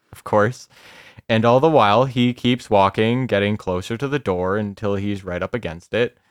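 Male podcast co-host, low resonant voice, dry close mic, relaxed storyteller. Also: clear, resonant tone, no echo. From Canada. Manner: laughing, swearing storyteller, slows down for suspense. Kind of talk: casual storytelling chat.

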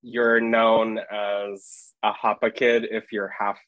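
A young man from Hawaii, a photographer guest, speaking in a relaxed, rambling way full of fillers. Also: fairly low pitch, takes it slowly, no room sound, lo-fi sound. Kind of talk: casual podcast interview.

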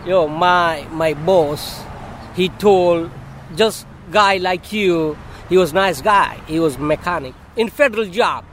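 High-pitched man with a Tanzanian accent. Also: slow pace, fairly bright tone. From Tanzania, East Africa. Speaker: passer-by chatting on a livestream. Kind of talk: casual street chat. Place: outdoors on a city street beside a car. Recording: street noise, car ambience.

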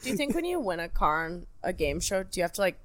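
A young woman, a nursing student, guesting on a podcast in easy, casual chat. Her voice sits mid-pitch for a woman but moves up and down freely. She slips into quick impressions of what people might say. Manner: casual, lively, acts out quotes.

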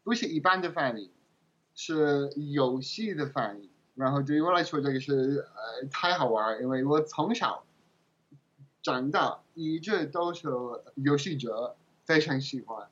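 Foreign man speaking English-accented Mandarin, slightly husky. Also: mid-range voice, animated, fairly bright tone, muffled recording. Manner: halting, searching for words. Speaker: interview guest, game translator. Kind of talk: casual interview chat.

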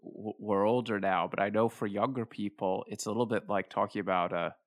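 A middle-aged man hosting a podcast, talking in a measured, reflective way. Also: lowish voice, steady tone, dry recording, studio quality. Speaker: podcast host. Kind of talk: podcast interview.

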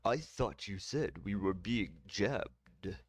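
A man playing a slow, puzzled robed counselor. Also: fairly low pitch, lively intonation, slightly rough, dry recording, clean studio sound, exaggerated voice. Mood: confused.

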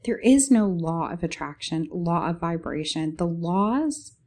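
A woman's voice: fairly low pitch, lively intonation, unhurried, darkish tone. A woman hosting a podcast in a casual, conversational monologue, stressing her points emphatically. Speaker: podcast host.

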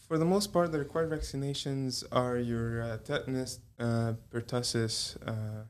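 A young Egyptian man, appearing as a pediatrician guest in a conversational interview, talks at a normal speed. His pitch stays flat and level, and he hesitates a lot, restarting sentences with fillers.

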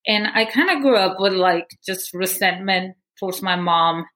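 A young Guatemalan woman, a movement founder appearing as a podcast guest, candidly tells her life story with plenty of fillers. Her medium-pitched voice is slightly bright, with lively intonation at a normal speed.

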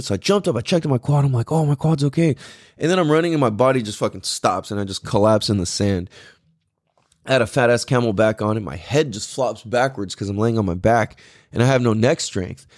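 A man's voice: mid-range voice, a little mellow, no echo, studio quality. A man casually telling a story in a rambling, profane way, full of fillers and restarts.

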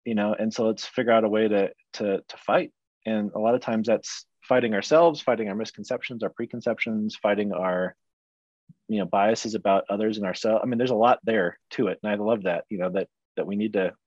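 A man's voice: lowish voice, steady tone, brisk, darkish tone, no room sound, highs cut off. A man who works as a counselor, talking frankly and reflectively in a casual podcast chat.

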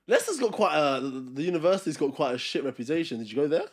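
A man's voice: a little high, very animated, fast talker. A man bantering casually as an interviewer.

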